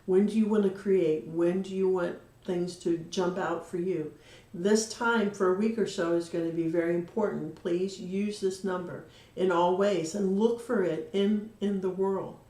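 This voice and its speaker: A woman's voice: lowish voice, steady tone, unhurried, mellow. A woman giving an angel card reading on a livestream, talking straight to a viewer in an earnest, heartfelt way. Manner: earnest, emotional, talks directly to a viewer. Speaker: card reader and medium. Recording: echoey room.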